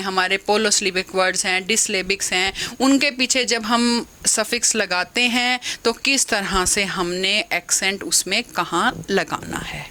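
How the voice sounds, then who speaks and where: A woman teacher talks through a lesson at an unhurried pace. Her voice is bright and clear. She reads each rule out slowly, then goes over it again in plainer words. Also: medium pitch, poor audio. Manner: explains step by step, reads English rules slowly then restates them in Hindi. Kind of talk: phonetics lesson mixing Hindi and English.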